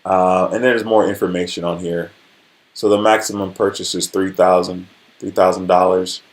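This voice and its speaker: This livestream host, a man in his forties, speaks with a low voice and flat delivery at a moderate pace. His motivational chat is relaxed and conversational, with frequent check-ins with his listeners.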